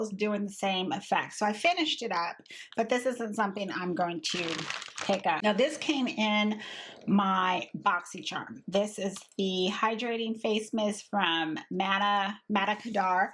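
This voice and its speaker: A woman in her thirties, a beauty vlogger, chatting casually and candidly about products she has used up, with a husky voice. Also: mid-range voice. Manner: chatty, candid, frequent fillers and restarts. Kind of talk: casual product review chat.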